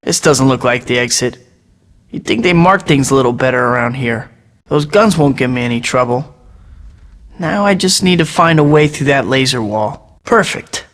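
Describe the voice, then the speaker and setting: A male actor voices a young, wisecracking, masked web-slinging superhero for game voice-over clips, talking himself through each task with wry joking asides. His mid-range, slightly bright voice is expressive and moderately paced, close to an everyday voice, and sounds like it's in a large hall.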